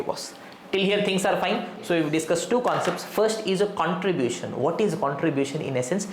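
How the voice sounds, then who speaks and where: Male lecturer, South Indian accent, quick and colloquial, quizzing students; roomy sound with faint noise. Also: on the high side, a little mellow. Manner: frequent check questions to students; colloquial Indian English slang. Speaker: accounting teacher. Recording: echoey room, faint background noise.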